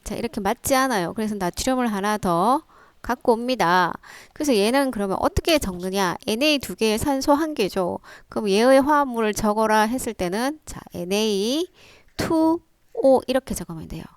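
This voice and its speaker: Smooth-voiced woman teaching a lesson. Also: on the high side, expressive, normal speed, no echo. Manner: step-by-step, frequent "자" prompts, rhetorical questions. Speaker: science teacher. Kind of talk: classroom lecture.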